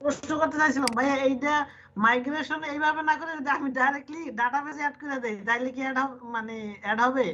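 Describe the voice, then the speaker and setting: A woman's voice: high voice, fairly even intonation, fast talker, a bit bright, muffled recording. A woman student asking hesitant questions during an online class.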